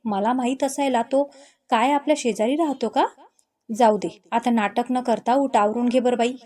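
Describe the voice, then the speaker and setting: A practical middle-aged mother who scolds her grown daughter in a spoken story, as a woman storyteller puts her on. The voice is fairly high and mellow, homely and chiding. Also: steady tone, moderate pace, natural voice.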